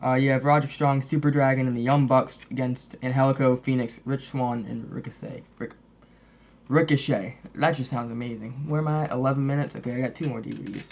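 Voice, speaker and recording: A man's voice: mid-range voice, fairly even intonation, brisk, vocal fry, a little mellow. Man with a lisp from braces. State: slightly sick, sniffly. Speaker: host of a wrestling DVD collection update. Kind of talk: casual, rambling show-and-tell chat.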